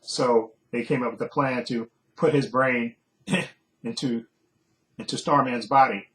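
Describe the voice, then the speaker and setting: A man's voice: medium pitch, steady tone, a little slow, fairly bright tone, rough recording. Rambling man recapping a TV episode. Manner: rambling, with many fillers and frequent chuckles. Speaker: TV show reviewer. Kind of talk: casual spoken episode recap.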